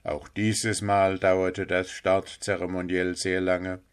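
A male storyteller reads a children's tale in an unhurried, even manner. His voice sits on the low side, and he takes his time with each phrase. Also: clear, resonant tone. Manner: calm, measured reading. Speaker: narrator. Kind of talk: storybook narration.

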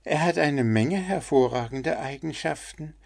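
A man's voice: fairly high pitch, lively intonation, normal speed, gravelly, a little mellow, pitched above the performer's own voice. A man voicing a prim, motherly female duck in a storybook reading, genteel in manner.

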